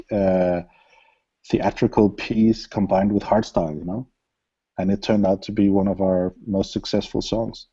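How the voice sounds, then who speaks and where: A Danish electronic music producer, a native Danish speaker, chats as a guest in a casual interview, relaxed and rambling with lots of fillers and laughs. His voice is on the low side with a breathy edge, and the audio sounds dull.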